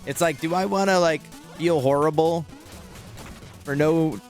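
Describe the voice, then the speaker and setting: A man's voice: a little high, measured pace, faint music behind. A young man chatting casually while playing a video game, rambling and hesitant, with lots of fillers and swearing. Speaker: gaming streamer.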